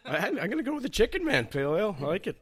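A man joins a podcast as a guest. He talks quickly and his voice moves up and down a lot. The sound is dry and close. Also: high-pitched, sing-song, fairly bright tone, no room sound. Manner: easygoing, brief replies. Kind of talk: casual chat.

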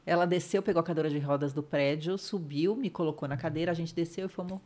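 A middle-aged woman with a Brazilian Portuguese accent, a podcast guest vividly retelling a personal ordeal, acting out what others said and dropping to a hush at the painful moments. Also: low voice, fast talker. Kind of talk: emotional personal storytelling.

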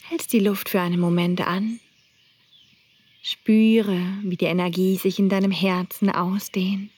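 A woman guiding a breathing meditation in a soft whisper. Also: mid-range voice, breathy edge. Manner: soft whispering, slow and calm. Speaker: meditation guide.

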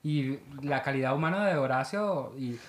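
A man's voice: mid-range voice, moderate pace. A man chatting casually, jokey and teasing, often jumping in. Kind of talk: casual chat. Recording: roomy echo.

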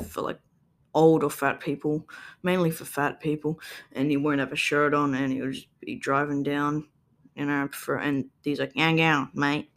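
A man's voice: fairly high pitch, fairly bright tone. A young man, hosting a solo podcast in a rambling, casual monologue full of ums and likes, sometimes drifting away from his home microphone. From Australia. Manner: meandering, lots of ums and likes. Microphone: home microphone, sometimes turned away.

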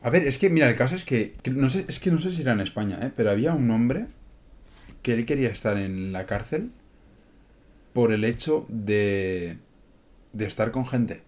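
A man's voice: mid-range voice, expressive, normal speed, darkish tone. A young man, co-hosting a casual chat in a chatty, slangy way. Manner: chatty, peppers lines with "tío" and "en plan". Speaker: podcast co-host.

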